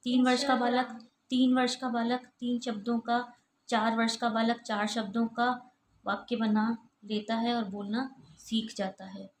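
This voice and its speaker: Woman lecturing in a flat, even tone. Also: fairly high pitch, unhurried. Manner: steady, explanatory, lists examples one by one. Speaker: assistant professor. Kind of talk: recorded college lecture. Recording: echoey room with faint ambient noise.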